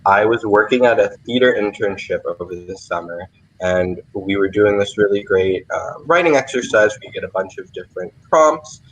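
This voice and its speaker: Thinking aloud in an informal way, filled with "like" and "kind of," a young man hosts a casual livestream Q&A as a playwright over remote video. His slightly rough voice sits on the low side at a moderate pace, captured in a rough recording.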